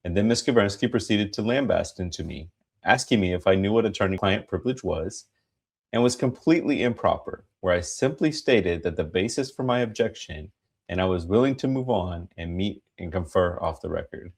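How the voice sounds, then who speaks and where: A man giving a dramatic reading of a court transcript as an attorney, formal and emphatic, with a gravelly, husky voice. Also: low-pitched, animated, fairly quick. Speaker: reader voicing an attorney in a hearing.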